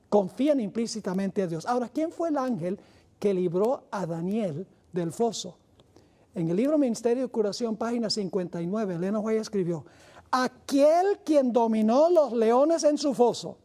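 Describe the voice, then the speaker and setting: A male pastor preaching a sermon, reading scripture aloud with earnest asides to his listeners, slowing and lifting his voice to stress key words. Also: mellow. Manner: slows and rises in pitch to stress key words.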